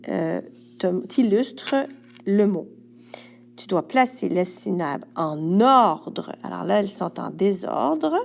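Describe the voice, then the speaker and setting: Slow, gravelly Quebec woman teacher. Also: medium pitch, a little mellow, slight background noise. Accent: Quebec French. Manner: patient, speaks directly to a young pupil step by step. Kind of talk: recorded classroom instructions.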